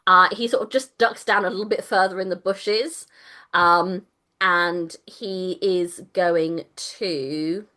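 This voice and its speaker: A woman game master narrates a tabletop adventure in a bright, crisp voice. She takes her time and keeps a playful, laughing tone, dipping into silly character voices. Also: medium pitch.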